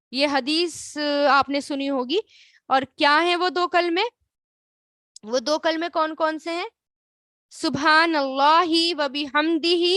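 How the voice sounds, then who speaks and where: Bright high-voiced woman teaching slowly. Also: no room sound, clean studio sound. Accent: Pakistani Urdu. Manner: explains slowly, drawing out words and repeating them; asks the class questions and answers them herself. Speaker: Arabic grammar teacher. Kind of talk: online class lesson.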